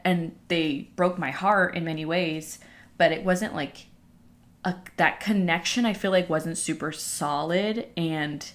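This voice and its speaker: A woman's voice: lowish voice, a bit bright. A young woman telling a personal story casually and candidly, breathing heavily and out of breath, with lots of "like" as filler. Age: young adult. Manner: chatty, filler-heavy with frequent "like". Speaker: vlogger speaking to followers.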